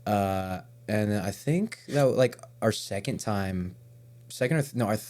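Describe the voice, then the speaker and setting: Male metal vocalist guest, lowish voice, rambling casual delivery. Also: a little slow, a little mellow. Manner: loose, rambling, restarts mid-sentence. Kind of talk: casual interview chat.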